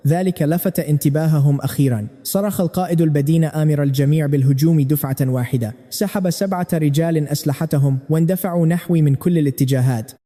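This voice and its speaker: Fast, dark-voiced male narrator with reverb. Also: on the high side. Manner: steady dramatic storytelling. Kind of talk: scripted story narration.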